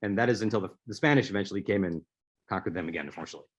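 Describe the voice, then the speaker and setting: A deep, breathy male voice races through a prepared speaker-series talk. The man speaks as an author and tells stories, restarting a few times.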